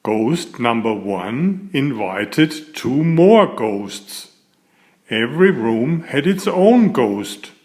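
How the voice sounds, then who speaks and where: An author reads his children's picture book aloud, a man with a medium-pitched voice telling the story in a deliberate, expressive way.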